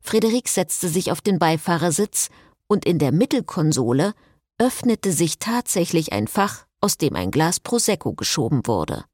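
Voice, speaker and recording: A woman reading a novel aloud as narrator in an expressive style. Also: lowish voice, moderate pace, dry recording, studio quality. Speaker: audiobook narrator. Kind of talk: scripted narration.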